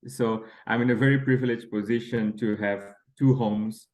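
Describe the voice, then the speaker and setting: A man's voice: fairly low pitch, steady tone, moderate pace, narrow, tinny audio. A man from Bangladesh, chatting as an author guest in an interview, friendly and full of fillers. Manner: friendly, chatty, laughs between phrases, many fillers. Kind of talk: casual interview chat.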